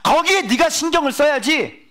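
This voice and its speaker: A man's voice: extremely high pitch, expressive, normal speed, pushed and bright, voice pushed up, full character voice. A man putting on the voice of God rebuking a proud believer, firm and pointed. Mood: stern rebuke. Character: stern fatherly God scolding a proud believer.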